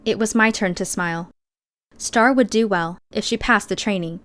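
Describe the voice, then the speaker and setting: Measured and expressive, a medium-voiced woman narrates an audiobook of first-person fiction.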